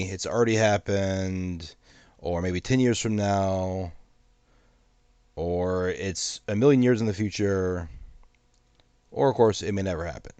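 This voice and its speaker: The host of an AI commentary channel speaks solo to camera in a deep, low voice that sounds congested from a sinus infection. He works through his points in a steady, cautionary way, adding the odd wry aside. The audio is dry, close, and clean, with no echo or room around it.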